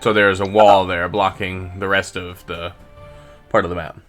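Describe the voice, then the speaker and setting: Easygoing dm guy, kinda low voice but bright. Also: flat delivery, moderate pace, soft background music. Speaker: game master. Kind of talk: running a tabletop game.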